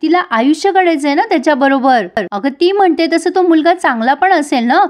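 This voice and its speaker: A woman voicing a calm grown daughter who gently persuades her mother. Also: high-pitched, fairly quick, pitched above the performer's own voice. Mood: persuasive.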